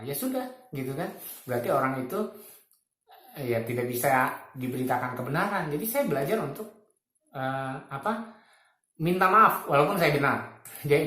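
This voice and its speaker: A man's voice: mid-range voice, a bit bright, reverberant. A man in his fifties giving spiritual reflections in a casual, colloquial way, often chuckling as he makes his points. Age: 50s.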